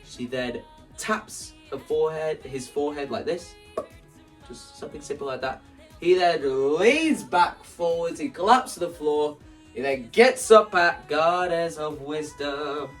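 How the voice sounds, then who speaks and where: With a fairly high, bright voice and a somewhat slow, animated delivery, a male content creator walks through the staging of a musical, rambling, dramatizing scenes and quoting dialogue. He is far from the mic, and faint music runs underneath.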